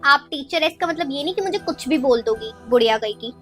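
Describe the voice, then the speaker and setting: A woman's voice: high-pitched, lively intonation, a little fast, a bit bright, soft background music. A woman playing a cheeky schoolgirl who talks back, in a comic skit. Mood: defiant. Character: sassy defiant schoolgirl.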